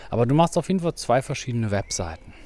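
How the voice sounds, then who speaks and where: A man's voice: mid-range voice, sing-song, quick pace, darkish tone. A man hosting a casual podcast, explaining things with frequent tag questions while he is out running outdoors. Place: outdoors, on the move.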